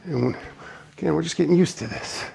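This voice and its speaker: A man's voice: on the high side, a little fast, vocal fry, mellow, slight background noise. A man leading a beginner trampoline workout, giving encouraging cues and getting out of breath as he bounces. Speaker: fitness instructor. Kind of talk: guided workout instruction.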